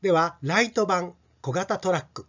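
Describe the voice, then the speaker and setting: A middle-aged man teaching pronunciation to children, stretching out each sound slowly as he demonstrates it, on a dull lo-fi recording. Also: high voice, animated, a bit bright, husky. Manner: slow, drawn-out sound demonstrations. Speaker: English teacher.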